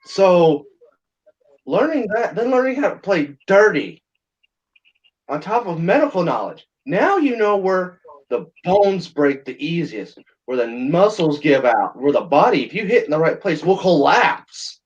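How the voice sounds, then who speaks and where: A man's voice: a little high, big pitch swings, measured pace. A man hosting a livestream, chatting in a rambling, blunt and crude joking way. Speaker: livestream host. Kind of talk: rambling casual chat. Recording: dull lo-fi sound.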